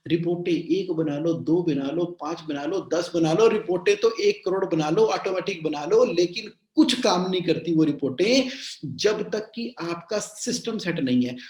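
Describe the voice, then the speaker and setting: A man coaching business owners in a live online session, animated and repeating his phrases, mixing English into his talk. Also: high-pitched, reverberant. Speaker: cash flow coach.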